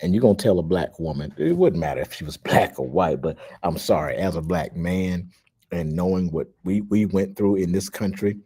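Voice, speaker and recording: Man, low mellow voice, emphatic casual monologue, filler words. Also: moderate pace, slightly rough, dry recording. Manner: emphatic, indignant, with frequent fillers. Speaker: social media host.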